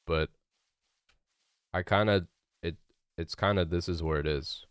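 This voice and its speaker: Talking with his chat mid-game, this young male streamer drifts from thought to thought, relaxed and heavy on fillers like "like," often restarting. His clear, resonant, low voice moves at a measured pace, captured close on a desk mic, dry and echo-free.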